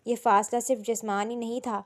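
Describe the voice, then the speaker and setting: A woman's voice: fairly high pitch, level tone. Woman narrating an audio novel. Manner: slow, emotional storytelling. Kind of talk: scripted narration of a romance novel.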